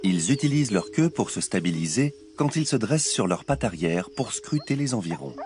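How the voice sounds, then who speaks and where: A man narrates a nature documentary in a fairly low voice. His delivery is measured and expository, telling a story as he explains. Music plays clearly behind him. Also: sing-song.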